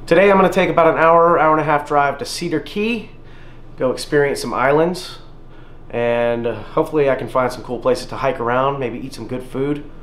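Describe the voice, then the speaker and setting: A man's voice: medium pitch, brisk, fairly bright tone. A man in his thirties chatting casually to a handheld camera as a travel vlogger, mostly outdoors. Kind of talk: casual vlog talk to camera. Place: mostly outdoors by windy seaside. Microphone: handheld camera at arm's length. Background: wind, music.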